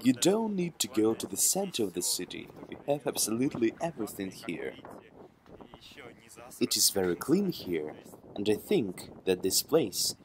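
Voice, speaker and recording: A young man explaining a neighborhood outdoors in a steady, fluent way. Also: fairly low pitch, moderate pace, slight background noise, rough recording. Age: young adult. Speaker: local guide friend. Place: outdoors in a housing district.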